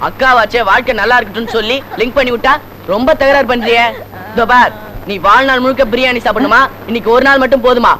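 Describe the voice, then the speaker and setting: A smug brother teasing and bargaining. His voice is high and bright and quick, with faint outdoor noise. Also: steady tone, low-quality recording. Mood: taunting. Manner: mocking, taunting.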